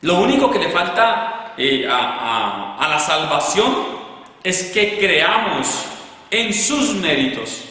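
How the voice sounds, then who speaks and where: A man with a Colombian Spanish accent giving an emphatic catechesis talk, acting out quoted voices with rising pitch. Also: very animated, slow, sharp tone. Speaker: preacher. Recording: echoey hall reverb.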